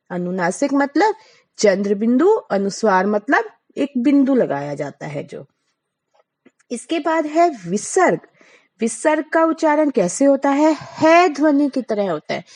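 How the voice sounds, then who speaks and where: A woman's voice: on the high side, a little mellow. A woman teacher giving a class lesson, asking questions and answering them herself, drawing out sounds as examples.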